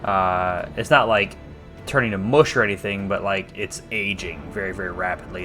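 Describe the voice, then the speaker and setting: A man's voice: fairly low pitch, fairly bright tone. A man narrating a tabletop game as game master in a casual, conversational style. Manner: casual swearing.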